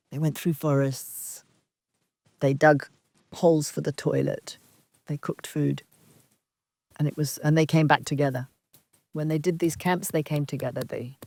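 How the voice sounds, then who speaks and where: A woman from Zambia giving a slow, halting, reflective dharma talk as a meditation teacher on a retreat. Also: low voice, warm tone, no echo. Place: outdoor retreat in wilderness.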